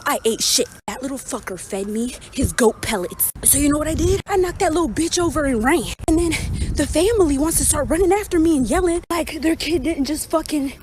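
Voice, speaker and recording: Young woman, out of breath, heated rant, fairly high voice, faint background ambience. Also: fairly quick, a little mellow, slight background noise. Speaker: storyteller. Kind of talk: casual storytime.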